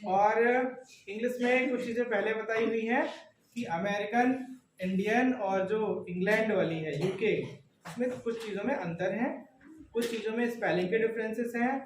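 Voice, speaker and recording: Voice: medium pitch, moderate pace. Teacher quizzing a class, keeps asking if everyone gets it, jokey, sounds far off in a noisy echoey room. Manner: quizzes students by name, checks understanding with constant tag questions; joking, chatty. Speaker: English teacher. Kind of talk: classroom lesson in Hindi with English terms. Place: classroom, indoors.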